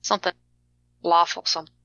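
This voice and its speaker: A woman's voice: fast, dry recording. A woman playing a tabletop game over an online call, her audio cutting out, blunt and swearing casually. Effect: connection cutting out on an online call. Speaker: player. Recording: dull lo-fi call audio with loud music behind.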